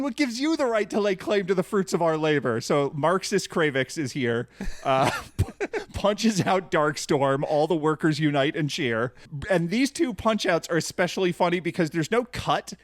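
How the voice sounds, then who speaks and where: A man's voice: a little high, dry recording, studio quality. A man co-hosting a podcast, casually recapping a cartoon, amused, laughing often and swearing. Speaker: podcast co-host.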